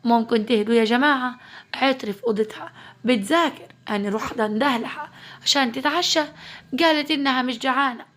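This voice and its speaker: A woman voicing a gentle young woman cousin, soothing and hospitable. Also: sits high, fast talker.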